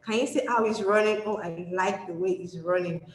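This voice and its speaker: A woman presenting a safety webinar for children, animated and encouraging, often checking in with "okay?". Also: mid-range voice, fairly quick. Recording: echoey room, faint background noise.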